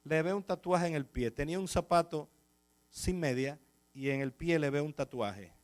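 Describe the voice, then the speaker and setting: A male pastor with a Dominican accent, preaching a sermon full of lively anecdotes and chatting with the congregation. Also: a little high, normal speed. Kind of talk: storytelling sermon.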